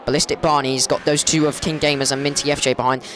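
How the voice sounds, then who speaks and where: A man talks at a quick pace over background noise as he commentates an online league race. He's excitable, rambles, keeps correcting himself, and his pitch rises whenever a crash happens.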